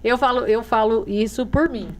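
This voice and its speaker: A woman's voice: on the high side, moderate pace. A woman interviewer who is herself a mother, building up to a question in casual chat.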